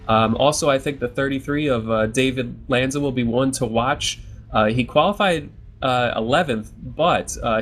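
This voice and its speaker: A man's voice: mid-range voice, slight background noise. A man giving motorsport broadcast commentary as an analyst and co-commentator.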